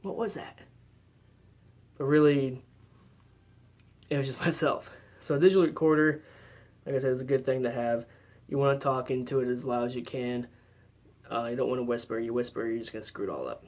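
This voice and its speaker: A man's voice: medium pitch, steady tone, brisk, darkish tone. A man giving a casual how-to demonstration as a paranormal investigator, explaining in a loose, chatty way with lots of fillers.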